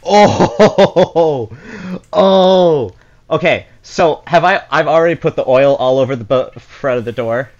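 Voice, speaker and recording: A woman's voice: rumbling low, fairly quick, few pauses. A woman playing a tabletop game, casual and hesitant, thinking aloud as she plans. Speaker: player. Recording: dull lo-fi audio.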